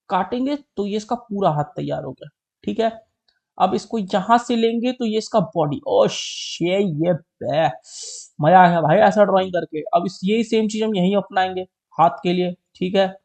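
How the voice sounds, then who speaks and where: A man's voice: high voice, vocal fry, darkish tone. A young man narrating a comedic drawing tutorial in a playful, self-mocking way, drawing out little sounds as he sketches. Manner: playful, self-mocking, repeats "ठीक है" and drawn-out "you". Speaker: drawing video creator.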